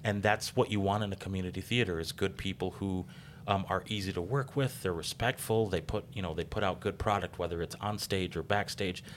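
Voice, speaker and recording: Male podcast host, deep voice, rambling chat, faint background rumble. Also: fairly quick. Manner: rambling, frequent ums, earnest. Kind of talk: casual podcast interview.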